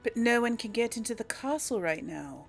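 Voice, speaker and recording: This gaming host speaks a little high, animated and at normal speed, with some vocal fry. She plays through a casual role-play let's play, reacting and chatting, voicing characters while game music runs underneath.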